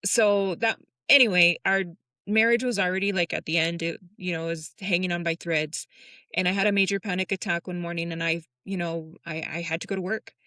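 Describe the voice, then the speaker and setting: A woman's voice: fairly low pitch, fairly even intonation, brisk, bright, forceful tone, dry recording. A woman in her thirties, a tattoo artist guest, speaking openly and personally in a casual interview. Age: 30s. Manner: open, personal, rambling with restarts.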